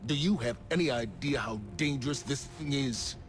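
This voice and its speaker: An actor playing a grave, stern male commander who speaks in measured reproach, over loud game music. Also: mid-range voice, close to an everyday voice. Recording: game cutscene with loud score.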